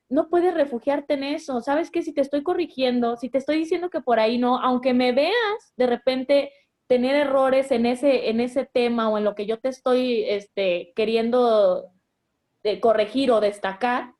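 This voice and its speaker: Woman, high voice, earnest, explanatory, restarts phrases, mother talking about parenting. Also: darkish tone. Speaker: guest speaking as a mother. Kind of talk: conversational parenting advice.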